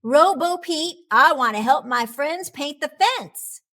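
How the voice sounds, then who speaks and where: A woman voicing a friendly, easygoing young boy cat in a storybook, bright and lively. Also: high-pitched, takes it slowly, voice pushed up, heavily acted.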